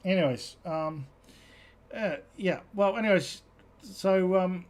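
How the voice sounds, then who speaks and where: A woman hosts a show with a lowish, slow, slightly mellow voice. Her accent is British with a faint South African twang, and she chats casually but hesitantly, full of ums and restarts.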